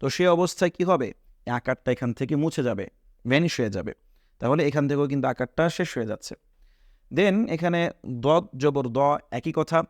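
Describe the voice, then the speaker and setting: A male teacher with a slightly high voice walks a class through each point, repeating himself and asking questions he then answers. The sound is dry and close, with no room around it. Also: expressive, brisk, dry recording. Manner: patient, repeats key points, asks and answers his own questions; mixes a few English words into his teaching. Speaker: Quran reading teacher. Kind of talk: online class lesson.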